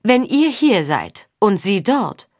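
A woman's voice: medium pitch, big pitch swings, slow, no room sound, studio quality. A woman playing a haughty nobleman. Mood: cold. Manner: imperious, formal. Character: haughty bearded male nobleman, cold.

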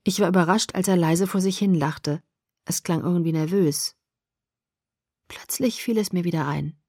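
A woman narrating a first-person audiobook in an expressive reading style. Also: fairly low pitch, moderate pace, no room sound, studio quality. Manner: expressive, with varied character voices.

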